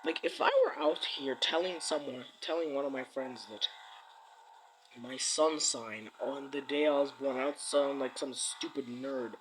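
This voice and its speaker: A man holds forth in a loose, rambling rant for his channel, brushing ideas aside with open scorn. His sentences stall and restart as he goes. His voice sits at an ordinary middle pitch. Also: a little slow, a bit bright, a little hiss or hum, low-quality recording. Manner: scoffing, dismissive, rambling with many restarts. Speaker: YouTuber. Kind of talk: casual rant to camera.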